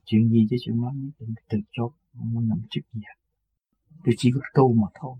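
An older man with a husky voice, earnestly telling a personal story. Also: mid-range voice, level tone, fairly quick. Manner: recounts events earnestly, acts out quoted voices. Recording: dull lo-fi recording.

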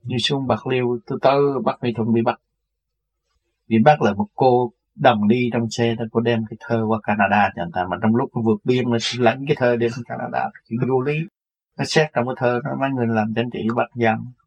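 An older man tells a personal story in earnest, now and then acting out the voices of the people in it. His voice is husky and rough at the edges, at a middling pitch. The recording sounds dull and lo-fi. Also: steady tone, fairly quick. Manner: recounts events earnestly, acts out quoted voices.

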